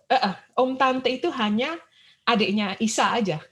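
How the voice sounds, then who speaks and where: A woman's voice: a little high, moderate pace, a bit bright. A woman from Indonesia, a guest in a casual chat, telling stories animatedly and acting out her children's voices.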